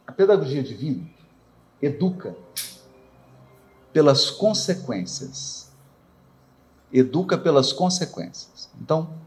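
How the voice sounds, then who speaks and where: A man gives a spiritist lecture, talking in a rhetorical way and often asking his listeners questions. His voice sits fairly high for a man. Its pitch swoops up and down with a lot of life. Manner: animated and rhetorical, asks questions and acts out quoted voices. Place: lecture hall of a spiritist center.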